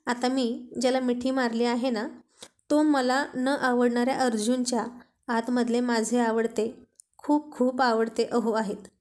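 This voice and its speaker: A woman's voice: high-pitched, steady tone, moderate pace, a little mellow, lightly acted. A woman reading the lines of a witty, affectionate young wife, playful and coaxing.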